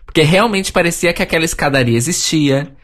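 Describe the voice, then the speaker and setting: A man's voice: fairly high pitch, expressive, fairly quick, a bit bright. A man hosting a casual podcast chat, talking in an opinionated way and laughing often. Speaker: podcast host.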